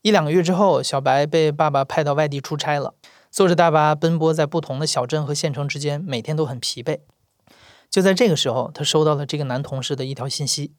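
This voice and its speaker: A man narrates a true story for a podcast, his voice sitting a little high and moving at a quick clip. The sound is close and dry, with no room around it, and gentle music plays underneath. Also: dry recording. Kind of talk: scripted narration. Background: soft background music.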